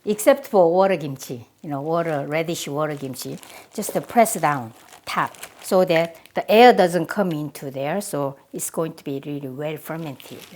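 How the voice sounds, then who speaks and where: A middle-aged Korean woman with a Korean accent hosts a cooking show, demonstrating a recipe in her home kitchen. Her low, slightly mellow voice moves at a normal speed as she chats enthusiastically in simple phrasing.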